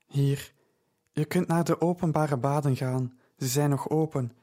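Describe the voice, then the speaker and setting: A man voicing a tired, kind-hearted woman with a dry, gentle, plain-spoken manner in an audiobook. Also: fairly high pitch, unhurried. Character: weary, kind-hearted middle-aged woman host.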